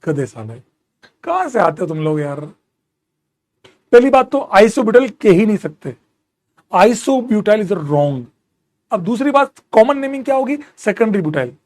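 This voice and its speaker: High-voiced man teaching chemistry, mixing in English. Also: very animated, a little slow, pauses often, darkish tone. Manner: Hindi-English mix, scolds students jokingly; reads out student questions and answers them. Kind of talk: live online chemistry class.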